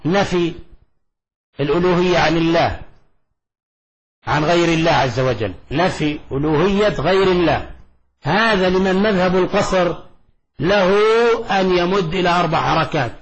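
A man teaching Quran recitation in a classroom, explaining a poem line by line and checking his students with quick questions. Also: sits high, husky, poor audio. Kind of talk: classroom lecture on a didactic poem. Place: classroom with a blackboard.

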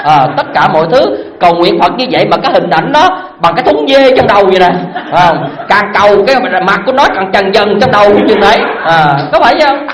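A Buddhist dharma teacher, giving a sermon with lively storytelling and many questions put to the listeners. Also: medium pitch, quick pace, roomy sound, a crowd in the background. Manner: lively storytelling with frequent rhetorical questions to the audience.

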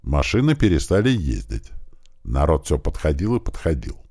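A man's voice: rumbling low, sing-song, moderate pace, a little mellow, husky, dry recording, clean studio sound. A man narrating a first-person audiobook in a dramatic, emphatic reading style.

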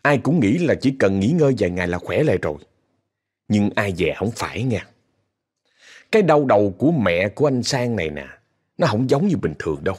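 A man's voice: fairly low pitch, big pitch swings, brisk, a little mellow, slightly rough. A man with a Southern Vietnamese accent telling a story in a chatty way, talking straight to his listeners. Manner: chatty, addresses listeners directly, indignant asides. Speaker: ghost story narrator. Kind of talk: casual spoken storytelling.

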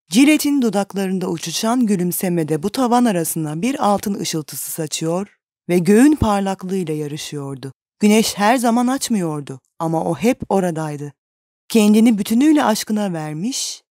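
Woman narrating a classic book, steady and measured, dry close sound. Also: mid-range voice, no room sound. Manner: calm, measured reading. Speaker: audiobook narrator. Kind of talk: scripted narration of a classic novel.

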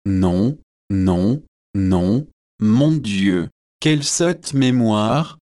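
A man's voice: lowish voice, animated, extremely slow, mellow, dry recording, studio quality. A man reading the part of a chatty, forgetful young newly married woman in an audiobook, with gushing, eager speech.

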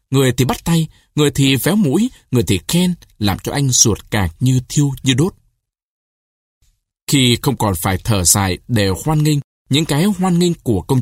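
A man reads a short story aloud in a husky voice, his pitch rising and falling with animated storytelling. The sound is dry and close, with no room around it. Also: no room sound. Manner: expressive storytelling, lifting the voice for cries and quoted shouts. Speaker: narrator. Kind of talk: audiobook reading of a short story.

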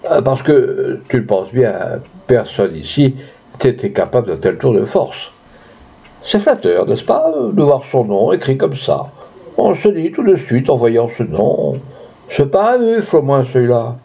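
A man's voice: mid-range voice, sing-song, a little slow, vocal fry, dark tone, husky, full character voice. Man doing a cruel pompous rich landowner. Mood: boastful. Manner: boastful, then furious and bullying. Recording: dull lo-fi recording.

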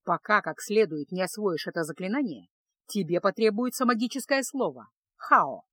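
A woman puts on a gloomy male mage in a storybook reading. He talks low and measured, like a teacher who has explained this too often. The sound is dry and close. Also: animated, bright, forceful tone, no echo. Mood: calm lecturing.

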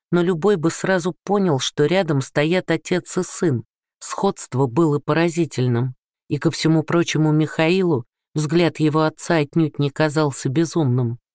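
A man reading a story aloud in a steady, even narration. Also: a little high, no echo, studio quality. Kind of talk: audiobook narration.

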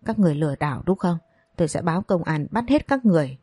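A woman's voice: fairly low pitch, expressive, quick pace, dark tone, breathy edge, no room sound. A woman voicing a frightened young woman held captive, speaking in a pleading, stammering way. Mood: panicked.

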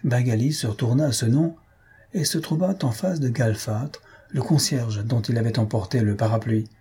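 A man reading a comic novel aloud as an audiobook narrator, in a measured storytelling manner. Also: mid-range voice, dark tone, breathy edge.

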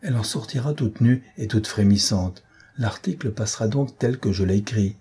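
A man's voice: lowish voice, moderate pace, mellow, slightly rough. A man voicing a defiant, ardent young male journalist-detective in an audiobook reading.

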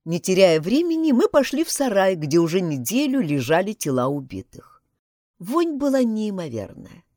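Woman reading a story out loud, really animated pitch, dry close sound. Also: normal speed, dry recording.

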